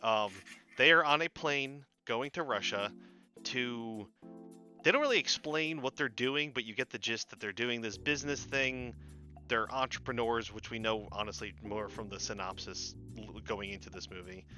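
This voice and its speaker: Very bright-voiced sarcastic man recapping. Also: mid-range voice, moderate pace, soft background music. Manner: rambling and sarcastic, swears often. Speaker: host. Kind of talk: casual comedic movie recap.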